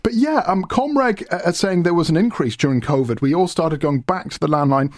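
A man, hosting a radio feature and asking people lively questions. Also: a little high, fairly quick, no room sound, studio quality. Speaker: reporter and host. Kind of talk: radio feature and street interviews.

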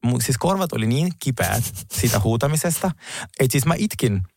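A man co-hosting a podcast, retelling events in lively casual chat and chiming in with quick agreement. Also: medium pitch, gravelly, slight background noise. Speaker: podcast co-host.

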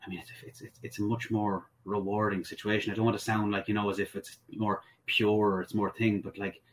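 A man from the west of Ireland with the accent to match and a fairly low voice. He talks in a casual discussion style, hesitating and rewording his thoughts as he rambles along. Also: flat delivery, a little fast. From Sligo, west of Ireland. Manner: hesitant, rambling, self-correcting.

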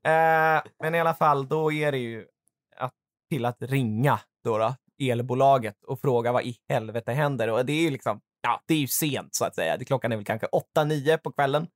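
A man's voice: medium pitch, no echo, clean studio sound. A young man and podcast co-host, telling a rambling story in casual chat, swearing and using many fillers.

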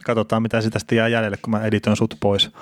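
A man hosting a casual podcast, telling stories in a relaxed way with frequent fillers. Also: fairly low pitch, no room sound, studio quality. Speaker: podcast host. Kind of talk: casual hockey chat.

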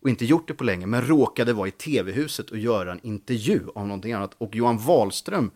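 A man, a comedian, telling stories in a casual podcast chat, animated and full of restarts. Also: on the low side. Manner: animated storytelling with frequent restarts. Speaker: comedian guest.

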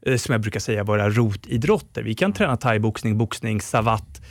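A man's voice: fairly low pitch, lively intonation, dry recording. Middle-aged guy on a podcast going on and on, dry close mic. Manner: insistent, explaining at length with restarts. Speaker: podcast co-host. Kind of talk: casual chat.

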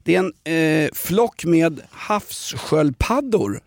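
A man co-hosting a live podcast, chatting casually and cracking quick jokes. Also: fairly high pitch, animated, dry recording, clean studio sound. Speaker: podcast co-host. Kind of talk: casual banter. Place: studio. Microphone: studio mic.

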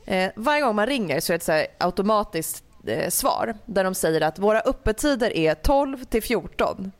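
A woman in her thirties in casual chat, telling a story animatedly and acting out the people in it. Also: medium pitch. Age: 30s. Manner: animated, acts out quoted exchanges.

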